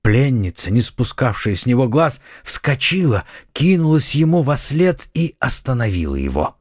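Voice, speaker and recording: A man narrating an adventure audiobook in a scripted, expressive, dramatic way. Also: medium pitch, normal speed, dry recording, studio quality.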